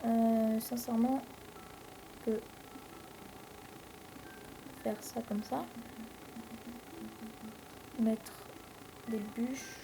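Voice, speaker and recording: Une jeune femme à l'français commente sa partie de jeu vidéo sur un ton décontracté et bavard, avec beaucoup d'hésitations. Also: female voice, a little high, flat delivery, extremely slow, pauses often, noisy background. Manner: rambling, chatty, many fillers. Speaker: let's play host. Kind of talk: casual gameplay commentary.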